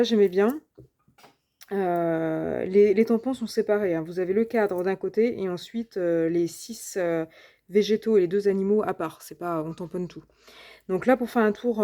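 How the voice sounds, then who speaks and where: A woman with a mellow, warm voice talks through a casual unboxing of craft supplies. She is chatty and hesitant, often stopping mid-phrase to find the right word. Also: lowish voice. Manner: chatty and hesitant, often pausing to search for words. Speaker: crafting channel host. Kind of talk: casual unboxing and product review.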